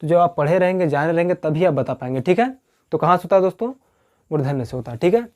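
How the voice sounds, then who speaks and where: A man's voice: a little high, lively intonation, quick pace. A male teacher explaining a grammar lesson at a board. He keeps checking in with "theek hai", asks the class questions, answers them himself and repeats each point.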